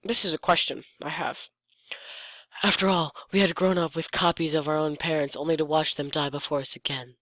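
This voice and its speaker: A host reads fan fiction aloud for laughs, often pausing to sarcastically mock the writing and tripping over the lines. The voice is mid-range, steady, slightly fast and somewhat bright. The recording is dry and of poor quality.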